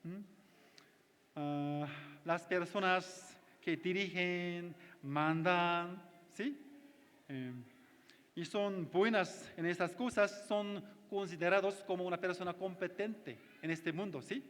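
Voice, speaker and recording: Male pastor, sermon, high voice, slow and deliberate, plain phrasing, long hall echo. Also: a bit bright. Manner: simple non-native phrasing, frequent check-in questions. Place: church retreat hall.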